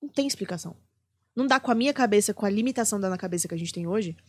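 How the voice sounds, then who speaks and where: A woman's voice: medium pitch, expressive, racing, breathy edge, no echo. A woman comedian, a guest on a podcast, chatting casually and swearing freely.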